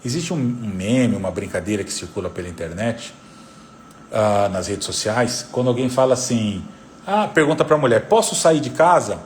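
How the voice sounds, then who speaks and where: A man's voice: lowish voice, moderate pace, slight background noise. A man, a psychoanalyst, giving a live talk on parenting, teaching by repeating the key figures. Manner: didactic, repeats figures, lively intonation.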